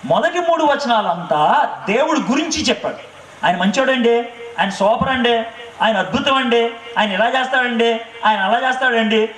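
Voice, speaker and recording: A man's voice: very high voice, expressive, normal speed, fairly bright tone, roomy sound, recorded from a distance, slight background noise, low-quality recording. A man preaching a sermon at an evening revival meeting, asking the crowd rhetorical questions and telling a family story with laughter. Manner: asks the crowd rhetorical questions, keeps checking they understood.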